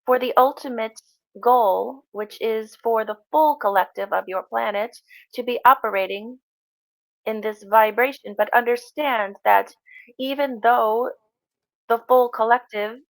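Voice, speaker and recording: A woman trance channeling a serene, reassuring spirit guide like a seance medium, speaking in measured, halting, instructive phrases. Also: fairly high pitch, vocal fry, rough recording. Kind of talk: spiritual channeling session answering questions.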